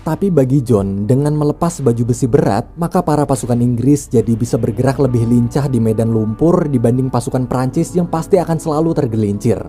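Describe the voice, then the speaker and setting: A man's voice: mid-range voice, fairly quick, few pauses, warm tone. A man reading a scripted film recap as a narrator, in a storytelling style with casual asides. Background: background music.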